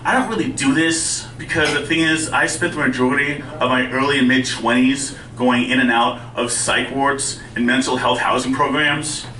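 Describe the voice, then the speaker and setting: A man doing conversational, self-deprecating stand-up storytelling, with a speech impediment that softens his R's toward W. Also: medium pitch, fairly even intonation, normal speed, few pauses. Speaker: stand-up comedian. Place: indoor live stand-up venue with audience. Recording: roomy live club, distant mic, faint noise.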